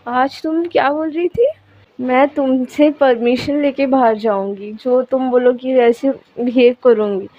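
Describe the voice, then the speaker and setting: Drunk bossy girl, slurry and mocking, higher pitch, a woman putting her on, lo-fi audio. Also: fairly even intonation, measured pace. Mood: drunk, scolding. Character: drunk angry young woman, bossy and teasing. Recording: dull lo-fi recording.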